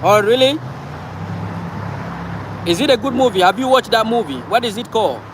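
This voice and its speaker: A man hosts a loose, chatty livestream, reading out viewer comments and answering them aloud. His voice sits a little high for a man, and he often repeats his words. Loud traffic noise carries behind him. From Cameroon. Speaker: livestream host.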